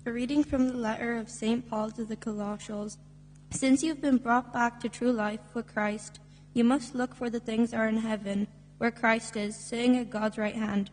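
A woman reading scripture at Mass in a steady, formal way, her voice carried by cathedral echo. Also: a little high, moderate pace. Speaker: lector. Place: large church. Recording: long church reverb with faint hum.

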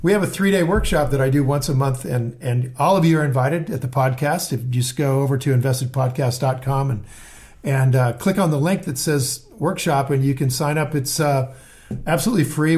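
A man's voice: mid-range voice, a little fast, a little mellow. An older man co-hosting a podcast, teaching investing in an earnest, rambling way with frequent restarts. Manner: earnest, rambling, self-correcting. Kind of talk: casual podcast chat.

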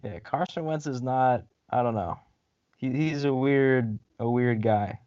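A man co-hosting a sports podcast, chatting casually in halting, heavily profane bro slang. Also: medium pitch, darkish tone, no room sound, muffled recording. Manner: slangy bro-talk, heavy swearing, halting.

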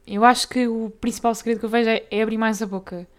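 Fast-talking young Portuguese woman. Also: a little high, fairly even intonation. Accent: European Portuguese. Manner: fast talker, stumbles on tongue twisters. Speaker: podcast host. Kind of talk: casual solo podcast chat.

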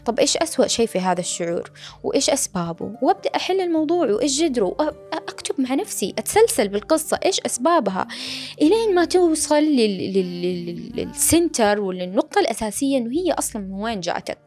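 Fast-talking woman, self-help talk. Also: a little high, faint music behind. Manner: animated, repeats phrases, asks herself rhetorical questions.

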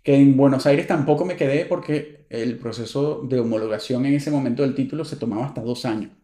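A man's voice: mid-range voice, brisk, mellow. Chatty Venezuelan man in echoey room. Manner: chatty, playful, lots of slang. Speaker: podcast host. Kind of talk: casual chat.

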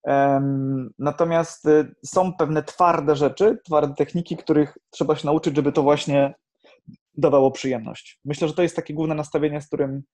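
Guy teaching improv chatting on a podcast, bit high voice, lively, swears, lots of restarts. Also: moderate pace. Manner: animated, swears casually, many restarts. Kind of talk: casual podcast chat.

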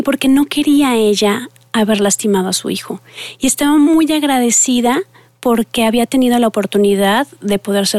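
A woman's voice: on the high side, a little mellow, no echo. A middle-aged woman therapist tells stories earnestly to an audience, speaking to them directly. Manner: earnest storytelling, addresses listeners directly. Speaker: family therapist. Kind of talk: talk to an audience.

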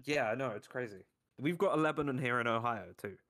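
A man in an easygoing sports podcast chat, mid-pitched and blunt. He talks loosely and swears without a second thought. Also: fast talker, a bit bright. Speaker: podcast co-host. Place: lives in Ohio.

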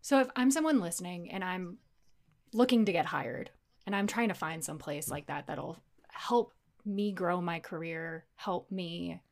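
A woman's voice: on the low side, a little slow, creaky. A woman hosting a podcast interview, listening closely with short affirmations and follow-up questions. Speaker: podcast host.

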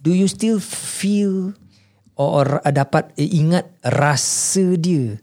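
A man's voice: on the high side, slow pace, creaky, a little mellow. A Singaporean man hosting a casual interview in colloquial Singlish, switching between English and Malay and punctuating with okay and eh. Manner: colloquial, emphatic check-words like okay, eh and right. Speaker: podcast host.

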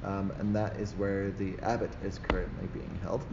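A man narrating a tabletop game as game master, improvising in a halting way with pauses to think. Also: sits low, little pitch movement, vocal fry. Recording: echoey hall, muffled, loud background noise.

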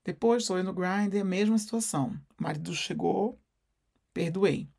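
Husky-voiced Brazilian man, animated storyteller. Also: sits high, moderate pace. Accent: Brazilian Portuguese. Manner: animated storyteller, acts out quotes. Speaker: podcast co-host. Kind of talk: casual chat.

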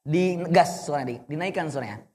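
High-voiced male Quran teacher, reverberant room. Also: a little fast, a little mellow. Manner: patient, corrective, demonstrates then explains. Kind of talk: teaching Quran reading to adults.

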